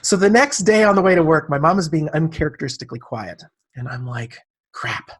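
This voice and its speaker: A man's voice: a little high, quick pace. Man in his thirties telling a story. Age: 30s. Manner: animated storyteller, voices quoted people. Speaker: podcast guest. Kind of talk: storytelling in casual conversation.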